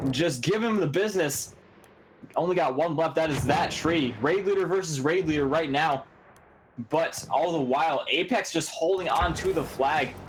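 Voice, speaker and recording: Energetic man calling a video game match. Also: fairly high pitch, noisy background. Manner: quick, energetic, laughs easily. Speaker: esports commentator. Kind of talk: live play-by-play commentary. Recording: game gunfire loud in the background.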